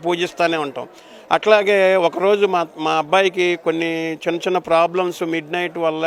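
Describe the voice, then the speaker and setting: Earnest quick-talking man devotee. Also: sits high, a bit bright. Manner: earnest, halting restarts. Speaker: devotee giving testimony. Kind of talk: testimonial to a reporter. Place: temple grounds.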